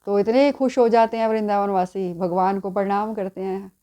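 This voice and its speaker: A woman tells a devotional story, repeating lines for emphasis. Her voice is mellow and warm, at a middling pitch. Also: fairly even intonation, moderate pace, smooth.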